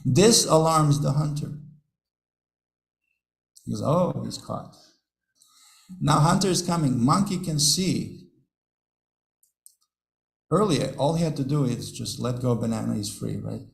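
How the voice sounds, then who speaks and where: A man's voice: mid-range voice, measured pace, gravelly, long pauses, reverberant, low-quality recording. A man giving a devotional scripture class, telling stories to his audience, chuckling often and repeating his words. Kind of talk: devotional class talk with storytelling. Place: temple hall.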